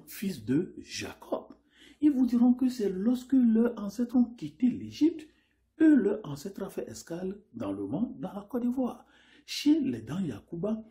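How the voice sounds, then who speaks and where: A man's voice: a little high, dark tone. A man giving a spoken lecture, asking rhetorical questions again and again and sometimes dropping to a near-whisper. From Mali. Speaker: lecturer on names and history. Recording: roomy echo.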